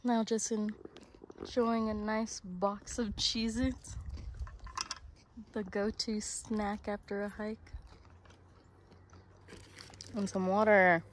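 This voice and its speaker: A woman's voice: mid-range voice, slight background noise. A woman in her twenties casually narrating her day as a vlogger, filming herself on a phone held at arm's length in her car and on a trail. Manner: relaxed, chatty, unhurried. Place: car and outdoor mountain trail.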